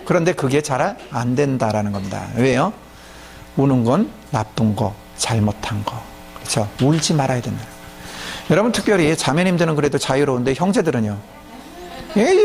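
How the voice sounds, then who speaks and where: A man's voice: fairly high pitch, sing-song, normal speed, creaky, a little mellow. A man preaching a sermon as a pastor, often asking his congregation questions and then answering them himself.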